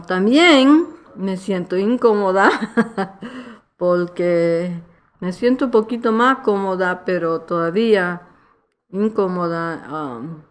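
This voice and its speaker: Speaking with a New York Puerto Rican accent, a woman from New York, an author, answers interview questions reflectively in casual Spanglish. She goes slowly and haltingly, looking for Spanish words and slipping into English, her fairly low voice clear and resonant.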